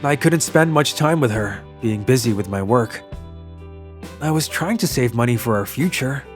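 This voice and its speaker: Playing the same sort of kind, lovelorn young traveller in an English manga dub, the man narrates earnestly and soft-heartedly, now with a regretful mood. He has a natural mid-range voice with lively intonation at a moderate pace, and faint music plays behind him.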